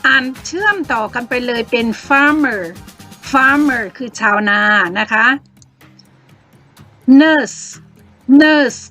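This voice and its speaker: A high-pitched woman with a Thai accent teaches English words to children, saying each one slowly and breaking it into syllables. Her tone stays encouraging, and faint music plays softly behind her.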